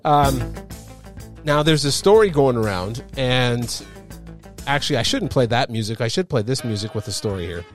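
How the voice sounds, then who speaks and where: Lively, laughing man co-hosting a podcast. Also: mid-range voice, moderate pace, soft background music. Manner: laughs often, animated storytelling. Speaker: podcast co-host. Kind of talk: casual chat.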